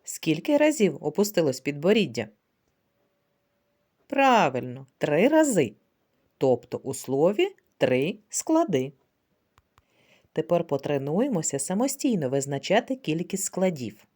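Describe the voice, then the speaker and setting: A woman teaching a literacy lesson to preschool children, asking questions slowly and patiently and praising them in a sing-song way. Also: low-pitched, big pitch swings, dark tone. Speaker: kindergarten teacher.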